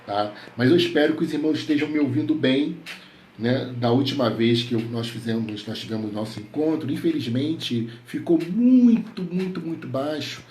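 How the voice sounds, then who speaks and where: Speaking from home through a headset, a pastor delivers a devotional address and fervent prayer full of repeated invocations, his voice a bit nasal from a head cold. It is mid-range, animated, a little mellow, and at normal speed, recorded in an echoey room with faint background noise.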